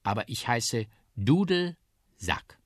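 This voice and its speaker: A man voicing a stout, shy talking bagpipe in a children's radio story, speaking slowly and dryly. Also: mid-range voice, sing-song, dry recording, studio quality, pitched above the performer's own voice. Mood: dry, deadpan.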